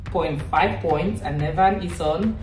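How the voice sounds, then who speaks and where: A Cameroonian vlogger mom in her thirties playfully teases her family while hosting a casual quiz in their living room. Her low, measured voice is a little mellow. The camera sits back from her, so the room sounds echoey and distant, with faint music.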